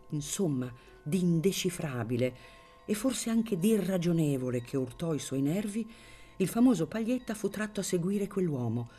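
A woman reading a classic novel aloud for radio, in a measured, expressive way. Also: low-pitched. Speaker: reader of a novel. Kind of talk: literary audiobook reading on radio.

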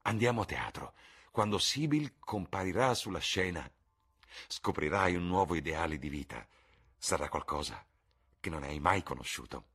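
A man with a husky voice reading an earnest, passionate young man, raising his voice for him. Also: low-pitched, expressive, moderate pace, a bit bright, exaggerated voice.

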